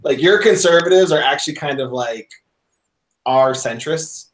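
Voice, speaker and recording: A man's voice: fairly high pitch, moderate pace, poor audio. A man hosting a casual podcast, teasing his guest and laughing often. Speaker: podcast host. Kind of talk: casual joking podcast chat.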